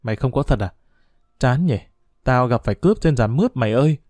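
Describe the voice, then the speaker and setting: A man's voice: mid-range voice, animated, fairly quick, a little mellow, no room sound, natural voice. A man voicing a cocky, boastful schoolboy friend who talks with swagger and mockery. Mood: excited. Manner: swaggering, mocking.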